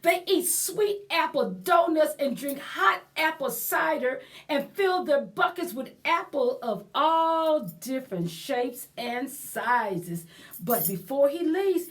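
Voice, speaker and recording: This woman's voice sits high as she reads a picture book to young kids at the library. Her storytelling is expressive, broken by pauses where she explains details and invites the children to respond.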